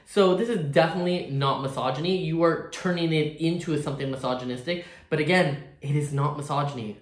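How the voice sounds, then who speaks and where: A man with a sassy, expressive drag queen manner, giving casual reaction commentary in an indoor room. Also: on the high side, brisk, roomy sound. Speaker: drag performer reacting to a video. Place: indoor room at home, with hard walls.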